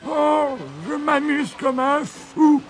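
A man voicing a jolly old Father Christmas in a storybook reading, speaking in high, drawn-out, gleeful exclamations. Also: flat delivery, gravelly, soft background music, full character voice. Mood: wistful.

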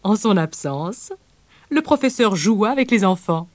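A woman narrating a children's storybook with a gentle, expressive read-aloud manner. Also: medium pitch, unhurried, no echo.

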